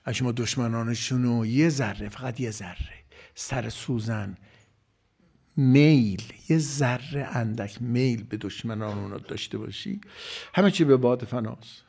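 A man preaching a sermon, moving from loud, emphatic phrases to near-whispers. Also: mid-range voice, gravelly, slightly rough. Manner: dramatic swings from loud to whispered.

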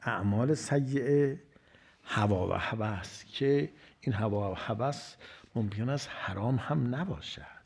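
A man preaching a sermon, moving from loud, emphatic phrases to near-whispers. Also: mid-range voice, husky. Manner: dramatic swings from loud to whispered.

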